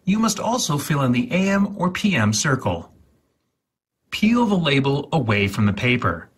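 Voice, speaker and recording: A host reads step-by-step instructions with deliberate drama and exaggerated articulation. The man's husky, breathy voice is mid-range and moves through big pitch swings.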